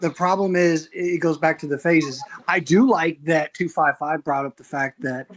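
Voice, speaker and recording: A man's voice: on the high side, normal speed. A man chatting animatedly and laughing on a game stream. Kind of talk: casual stream chat.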